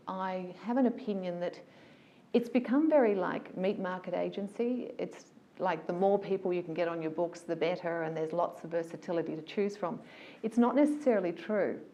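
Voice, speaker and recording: A woman, a voiceover artist telling stories about her career in a casual, animated, enthusiastic interview. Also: lowish voice, vocal fry.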